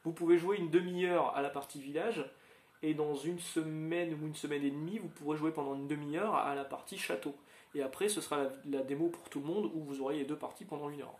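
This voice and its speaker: A man's voice: on the high side, steady tone, brisk, a little mellow, a little hiss or hum. Male host, casual rambling chat, slightly raised voice, echoey room. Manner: rambling, chatty, many fillers and restarts. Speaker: channel host.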